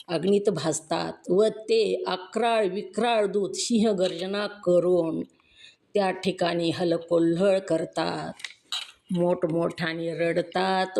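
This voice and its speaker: This religious discourse reader has a lowish, darkish voice with vocal fry, and the recording carries a little hiss or hum. With a Marathi accent, she earnestly and emphatically expounds scripture, questioning her listeners rhetorically.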